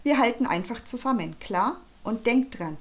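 A woman's voice: a little high, expressive, moderate pace, lightly acted. A woman reading an audiobook, voicing a cheeky, confident young girl who talks boldly and boastfully. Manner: bold, bubbly, boastful. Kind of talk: audiobook character voice.

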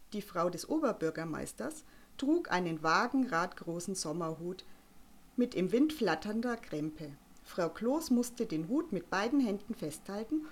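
Expressive woman reading a children's story. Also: medium pitch, a little hiss or hum. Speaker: narrator.

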